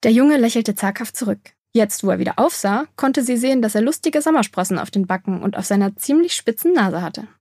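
A woman narrating a children's storybook in a calm, even storytelling manner, with a breathy voice. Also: a little high, brisk, hardly any pauses, no room sound, clean studio sound. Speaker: audiobook narrator.

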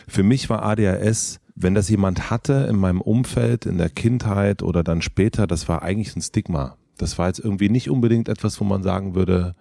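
A man with a very deep, gravelly voice, chatting on a podcast. His tone is dark and relaxed, and he talks thoughtfully and asks questions. The recording is dry and close. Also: a little fast, few pauses, no room sound. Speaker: podcast co-host. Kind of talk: casual chat.

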